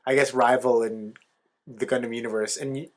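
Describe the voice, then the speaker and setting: A podcast co-host with a medium-pitched, steady voice talks at a moderate pace. He explains things casually, like a knowledgeable fan, in a relaxed chat about anime.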